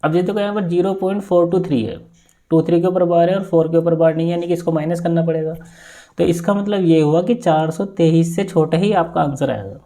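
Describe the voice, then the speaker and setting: A man teaching an exam-prep maths lesson, explaining step by step and often asking if it is clear. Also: on the high side, fairly quick. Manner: steady step-by-step explaining with frequent check-in questions.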